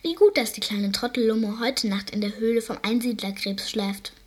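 A woman's voice: a little high, fairly even intonation, moderate pace, breathy edge. Woman doing a wailing, weepy seal. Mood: thoughtful. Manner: wailing, howling. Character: mournful male seal, soft-hearted and weepy.

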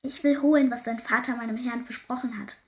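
A woman's voice: a little high, steady tone, darkish tone, close to an everyday voice. Out of breath young farm boy, in a rush, fairy tale, woman reading. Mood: urgent. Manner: breathless, hurried.

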